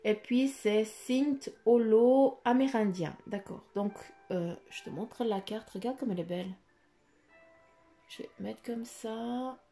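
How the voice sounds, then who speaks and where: A woman reads oracle cards in a loose, meandering way, tagging her phrases with small fillers. Her voice is mellow and warm, and she speaks directly and intimately to the listener. Soft music plays faintly underneath. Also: a little high, takes it slowly. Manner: meandering, with frequent "hein" and "euh" tags; addresses the viewer intimately and directly. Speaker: card reader giving daily guidance. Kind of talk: casual spoken oracle card reading.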